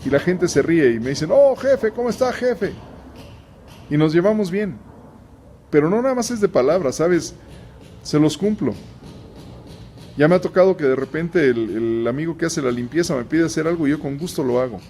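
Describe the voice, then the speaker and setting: A man's voice: fairly high pitch, expressive, fairly quick, a little mellow, a little hiss or hum. A man hosting a conversational Bible lesson for viewers, chatty, often restarting his sentences and turning aside to address his audience. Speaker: host and Bible teacher.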